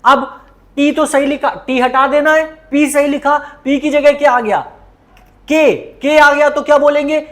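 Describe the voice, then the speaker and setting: A male shorthand teacher, slowly drilling vowel sounds and spellings and quizzing his students as he goes. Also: very high voice, steady tone, a bit bright. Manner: slow, repetitive drilling with frequent questions to students. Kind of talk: classroom lesson.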